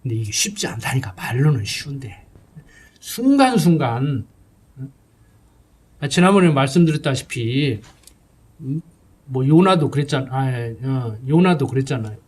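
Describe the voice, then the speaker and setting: A man's voice: mid-range voice, animated, moderate pace, pauses often, darkish tone, breathy edge. A middle-aged male pastor preaching a sermon in a folksy, conversational way, often checking in with his listeners.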